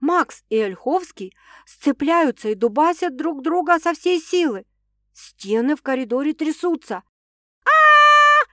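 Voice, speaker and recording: A woman reading a first-person audiobook in an expressive, dramatic way. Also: high-pitched, unhurried, no echo, clean studio sound. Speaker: audiobook narrator.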